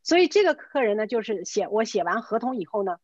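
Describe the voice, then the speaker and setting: Heard through a video call with dull, echo-free audio, a middle-aged woman who sells real estate spins a casual tale at a fast clip in a medium-pitched voice. She acts out the conversation with gusto and drops in English words along the way.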